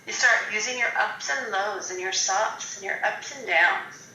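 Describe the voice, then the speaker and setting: A woman's voice: mid-range voice, normal speed, sharp tone, slight background noise. A woman chatting casually, teasing and blunt. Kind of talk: casual chat. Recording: echoey room.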